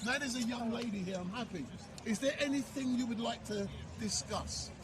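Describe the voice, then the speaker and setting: A man hosting a rowdy street livestream outdoors in a city park, excitable and repeating his words as he calls people over. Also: very high voice, normal speed. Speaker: livestream host. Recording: outdoor crowd noise. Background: crowd chatter.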